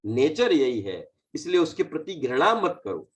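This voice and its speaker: A man's voice: a little high, big pitch swings, unhurried. Patient male teacher, distant mic. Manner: patient, explanatory, corrects recitation. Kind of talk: online scripture class.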